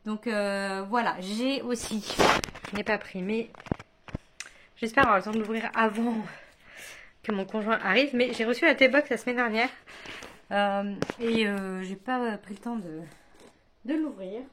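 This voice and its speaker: A woman's voice: a little high, unhurried, long pauses, noisy background. A woman chatting casually in a book vlog, hesitant and thinking aloud, full of fillers and restarts. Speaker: book vlogger. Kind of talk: casual chat.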